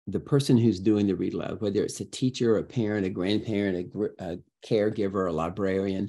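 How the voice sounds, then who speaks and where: Speaking in a lowish voice, a guest educator gives conversational answers in an interview. He tells things with a storyteller's emphasis and expressiveness, performing his examples as he goes.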